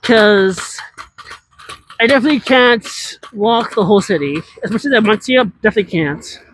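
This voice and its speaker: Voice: mid-range voice, normal speed, fairly bright tone, a little hiss or hum. An IRL streamer chatting casually with viewers while walking and scootering outdoors through a large city, rambling and answering chat as they go.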